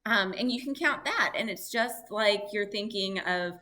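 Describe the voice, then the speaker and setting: A woman presenting a live, lively lesson for families, chatting and asking her audience questions. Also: mid-range voice, unhurried, slight background noise. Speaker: library program presenter on birds.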